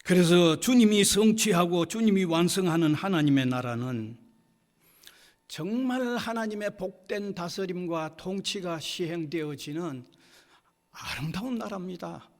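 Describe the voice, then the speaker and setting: A man with a high, ringing voice delivers a sermon in a church sanctuary, pressing his points by saying key phrases twice. His words trail off into a long hall reverb. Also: measured pace, a little mellow. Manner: emphatic preaching, repeating key phrases. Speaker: pastor.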